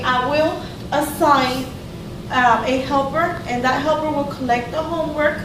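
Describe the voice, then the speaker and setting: A woman helping as a kindergarten teacher, explaining things to young children step by step, a little hesitantly. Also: high-pitched. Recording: distant mic, echoey noisy room.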